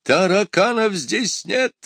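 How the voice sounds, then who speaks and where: A man voicing a grumpy old male doctor with a creaky voice, loud and raised. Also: mid-range voice, normal speed, no room sound, clean studio sound, voice pushed up, lightly acted. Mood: grumbling.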